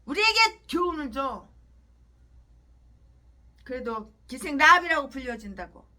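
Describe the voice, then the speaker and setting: Fiery woman pastor with a high, swooping voice. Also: big pitch swings, unhurried. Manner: angry, crude insults, swings between shouting and muttering. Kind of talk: heated preaching rant.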